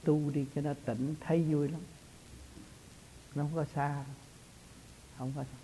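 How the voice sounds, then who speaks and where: A man's voice: fairly high pitch, flat delivery, measured pace, warm tone, a little hiss or hum, poor audio. A man, a spiritual teacher talking casually in a folksy, storytelling way and laughing often. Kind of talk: casual religious talk.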